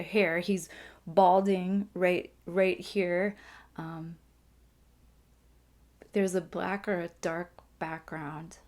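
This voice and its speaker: A woman with a slightly low voice leads a calm grounding exercise. She explains things informally and gently, like an instructor talking someone through a technique, often thinking aloud as she goes.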